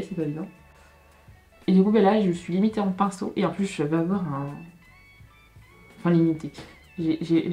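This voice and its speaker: A young woman talks her way through a makeup tutorial in a relaxed, rambling way, full of little hesitations and self-corrections, and her voice sometimes sinks into quiet asides. The room gives her voice a noticeable echo, with faint music playing softly underneath. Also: mid-range voice. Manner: chatty, thinking aloud, with frequent hesitations and self-corrections. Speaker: beauty vlogger. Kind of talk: casual makeup tutorial chat.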